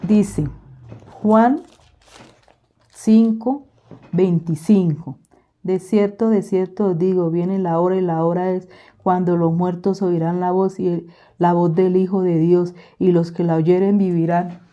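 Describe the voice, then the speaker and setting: A woman's voice: fairly low pitch, fairly even intonation, slow pace, mellow, highs cut off. A woman giving a fervent religious testimony to a congregation, repeating herself often and calling her listeners brothers.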